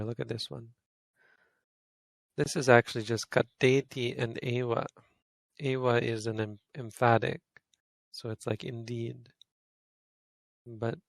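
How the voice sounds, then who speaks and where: A Buddhist monk explains grammar to a study group in a relaxed, thinking-aloud way, often stopping to correct himself. His voice is mid-pitched with a gravelly edge. It sounds close and dry, with no room around it. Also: no room sound. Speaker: Buddhist monk teaching Pali.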